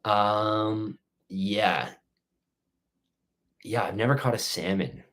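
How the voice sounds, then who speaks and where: A man's voice: on the low side, very slow, a bit bright. A man hosting a casual outdoor live-stream Q&A, reading out questions and giving rambling, stop-start answers.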